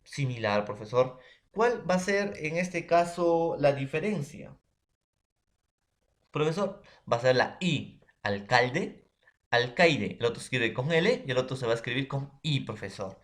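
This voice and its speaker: A man from Peru giving a classroom presentation at a middling pitch. He talks in halting phrases, full of fillers. He keeps turning to the teacher and the class between words to check they follow. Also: animated.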